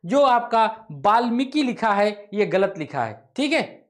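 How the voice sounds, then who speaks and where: A man's voice: sits high, sing-song, takes it slowly. A male teacher leading an online test-solving class, repeating each question, thinking aloud, correcting himself and tossing casual asides to students. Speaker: exam-prep teacher.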